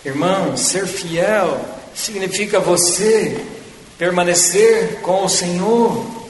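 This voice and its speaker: A man preaching a sermon, slow and fervent, rising in force and then falling to a hush. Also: high-pitched, a little hiss or hum. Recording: echoey hall with long reverb.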